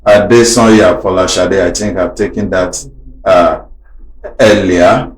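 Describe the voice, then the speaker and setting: A man's voice: low-pitched, steady tone, measured pace, roomy sound, rough recording. A man with a Nigerian English accent hosting a radio talk show, politely reading messages and taking calls. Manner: polite, reads out listener messages, takes calls.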